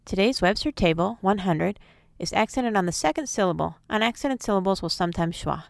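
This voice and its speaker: A woman narrates a scripted phonics lesson in a clear, measured way, with a gravelly edge to her voice. The sound is dry and close. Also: mid-range voice, expressive, no room sound. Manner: clear, measured instructional delivery. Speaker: phonics teacher.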